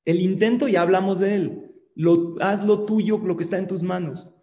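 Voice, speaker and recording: Mellow-voiced rabbi teaching in an echoey room. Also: male voice, high voice, normal speed. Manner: animated teacher, asks the listeners questions. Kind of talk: religious lecture over a video call. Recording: echoey room with long reverb.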